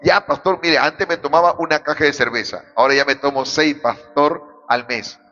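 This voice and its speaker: A man's voice: fairly high pitch, moderate pace, bright, forceful tone. A man voicing a wavering male churchgoer who pleads with his pastor for a little more time. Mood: pleading. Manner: pleading, coaxing. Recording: dull echoey hall recording.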